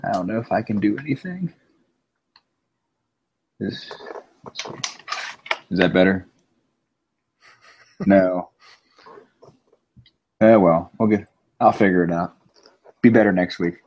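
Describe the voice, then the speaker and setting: A man's voice: sits low, slow, pauses often, a little hiss or hum. A man co-hosting a live podcast in casual chat, talking in an offhand way over a muffled, dropping online call. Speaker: podcast co-host.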